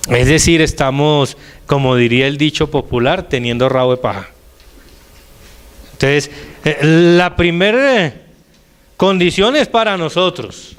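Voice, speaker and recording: An older man preaching a sermon as a lay minister, slowing down and dropping his voice to stress key words. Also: fairly high pitch, lively intonation, smooth. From Colombia. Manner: deliberate, slows and drops his voice on key words.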